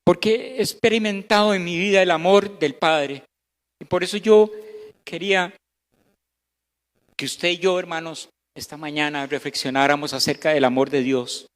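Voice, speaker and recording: A man with a Costa Rican Spanish accent preaching a sermon as pastor, swinging between loud emphasis and hushed, slow passages. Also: a little high, fairly even intonation. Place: church hall. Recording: echoey church hall.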